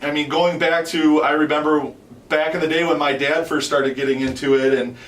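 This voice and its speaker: Male instructor, thirties, slightly high voice, explanatory and repetitive; echoey indoor recording with background noise. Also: steady tone, normal speed, a bit bright. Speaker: host and duck calling instructor. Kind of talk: unscripted instructional talk. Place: small wood-panelled shop room, indoors. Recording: roomy, distant, noisy pickup.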